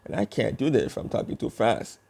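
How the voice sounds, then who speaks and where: Gravelly, dark-voiced man rambling in a vlog. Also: mid-range voice, huge pitch swings. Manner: rambling, with frequent fillers and restarts; working to speak slowly and deliberately. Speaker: YouTube vlogger. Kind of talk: casual vlog monologue.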